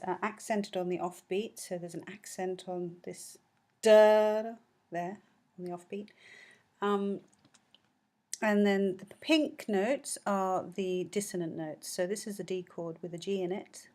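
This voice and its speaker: A woman's voice: lowish voice, darkish tone. Woman teacher walking through a score. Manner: explanatory, sings snippets of melody. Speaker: music teacher. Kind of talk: score analysis lesson.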